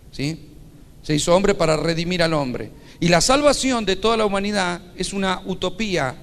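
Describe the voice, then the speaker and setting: Male pastor, high voice, emphatic repetitive preaching, church hall reverb. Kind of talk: sermon.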